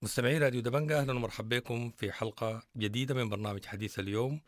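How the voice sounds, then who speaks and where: A man's voice: mid-range voice, fairly even intonation, rapid-fire, music in the background. A man with a Sudanese accent hosting a public radio interview.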